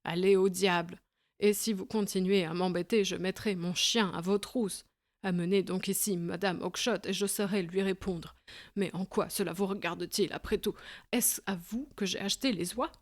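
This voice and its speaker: A woman reading an audiobook, voicing a fed-up male goose dealer who shouts and blusters. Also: medium pitch, moderate pace, breathy edge, natural voice. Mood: furious.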